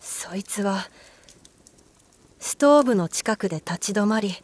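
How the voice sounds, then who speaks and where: A woman narrating a scripted ghost story in a hushed, eerie manner, with deliberate pauses. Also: mid-range voice, animated, dry recording.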